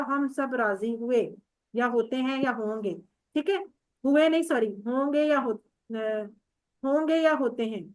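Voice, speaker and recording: A woman with a Pakistani Urdu accent teaching an Arabic grammar class online, drilling verb forms and quizzing students by name. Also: sits high.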